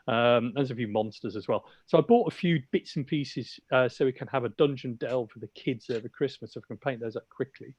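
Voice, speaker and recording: A man's voice: medium pitch, a little fast, hardly any pauses, darkish tone, husky, dry recording, dull audio. A man hosting a casual hobby podcast over a remote call, with dry, teasing humour. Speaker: podcast host. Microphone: remote call mic.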